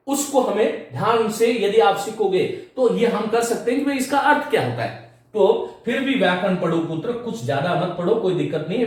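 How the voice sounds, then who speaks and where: High-voiced man teaching grammar in an echoey room. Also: a little mellow, far from the mic. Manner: explains patiently, repeats sounds and words, addresses students directly. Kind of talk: classroom lecture for exam students. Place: classroom with a board.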